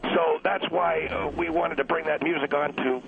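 A man hosting a talk radio show, calling in over a crackly cordless phone line, halting and needling as he talks. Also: fairly high pitch, little pitch movement, gravelly. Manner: halting, full of "uh" and restarts; teasing, needling. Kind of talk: casual on-air radio chat.

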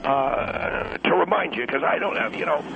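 A man talk radio host heard over a crackly cordless phone line, needling his guest in halting, restarting speech. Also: fairly high pitch, expressive, vocal fry. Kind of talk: on-air radio banter.

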